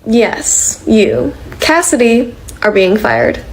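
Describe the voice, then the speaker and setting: A woman's voice: a little high, wildly swooping pitch, takes it slowly, full character voice, poor audio. A woman voicing a vengeful, condescending female upper manager in a comedy cartoon. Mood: smug. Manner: sugary condescending. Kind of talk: animated comedy dialogue.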